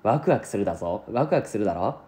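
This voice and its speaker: A man's voice: on the low side, lively intonation, racing, mellow, natural voice. A man voicing a jovial, dreamy aging male farmer who talks boastfully and wistfully about his old dream.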